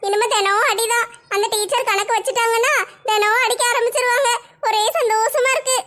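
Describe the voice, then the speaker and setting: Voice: extremely high pitch, steady tone, a little fast, bright, forceful tone. A voice actor as a gloating, cackling big-sister girl. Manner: cackling, teasing, mocking. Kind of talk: comic cartoon voice acting.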